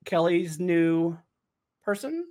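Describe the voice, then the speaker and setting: Speaking slowly, with big swings in pitch, a man whose voice is a little high and slightly mellow chats casually as one of a podcast's writers. He writes audio dramas and co-hosts, and his talk is effusive and emphatic.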